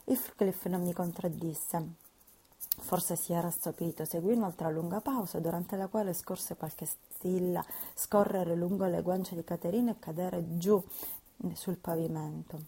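Husky woman narrating a classic novel. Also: on the low side, steady tone, a little slow, warm tone. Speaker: audiobook narrator. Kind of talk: scripted literary narration.

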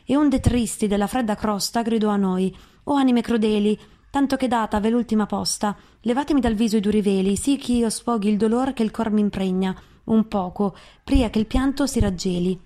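A woman recites classic verse in a measured, solemn way. Her voice is mellow and warm, with a darker colour. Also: medium pitch. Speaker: reader.

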